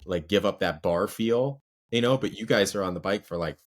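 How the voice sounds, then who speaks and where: A man hosting a podcast, chatty, asking rambling questions and reacting with quick asides. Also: deep voice. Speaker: podcast host. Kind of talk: casual chat.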